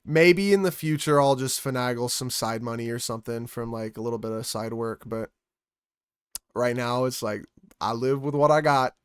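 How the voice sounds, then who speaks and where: A man's voice: medium pitch, moderate pace, smooth, dry recording. A man chatting casually on his stream at home into a music microphone, rambling and trailing off mid-thought. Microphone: studio music microphone.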